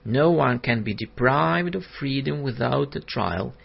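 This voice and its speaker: A man voicing an agitated male asylum patient who shouts indignantly and hoarsely. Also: mid-range voice, expressive, a little slow, exaggerated voice. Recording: dull lo-fi audiobook recording.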